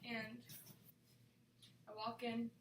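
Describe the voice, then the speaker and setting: A young woman telling an excited, dramatic storytime, often dropping into whispers. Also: on the high side, drawn-out words, noisy background. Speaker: vlogger. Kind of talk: storytime vlog.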